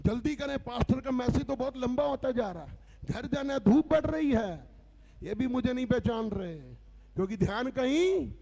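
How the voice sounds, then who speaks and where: A man's voice: extremely high pitch, moderate pace, vocal fry, warm tone. A man preaching a fervent church sermon as pastor, calling out to the congregation and chanting refrains with them. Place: church service.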